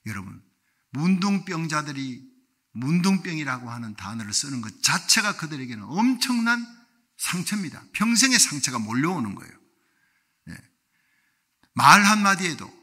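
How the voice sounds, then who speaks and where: A man's voice: on the high side, very animated, normal speed, pauses often, sharp tone, husky. A male pastor preaching a revival sermon, telling a story and then building to fervent exhortation.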